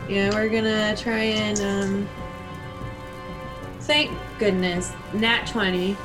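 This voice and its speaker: Brief: woman player, slow easy delivery, frequent giggles, music behind. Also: mid-range voice, fairly even intonation. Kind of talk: casual tabletop play.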